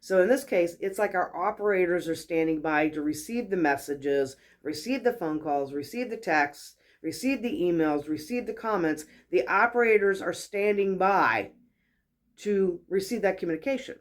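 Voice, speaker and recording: A chatty woman hosts a casual spiritual teaching talk. She tells stories in a lively, conversational way and acts out the voices of the people she quotes. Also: on the low side, moderate pace, few pauses. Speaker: host, wellness mentor.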